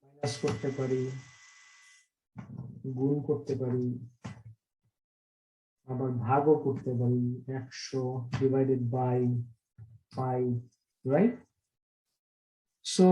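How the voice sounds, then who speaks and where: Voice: mid-range voice, steady tone, takes it slowly, pauses often, warm tone, a little hiss or hum, rough recording. A programming teacher giving an online class lesson, explaining by stringing several synonyms together and often checking in with the class. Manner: asks the class frequent check questions.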